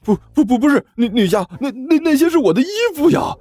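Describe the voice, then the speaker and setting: A man's voice: very high voice, expressive, quick pace, dark tone, breathy edge, no room sound, faint music behind, voice pushed up, full character voice. A man voicing a cowardly, fawning male thug who stammers and grovels. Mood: groveling.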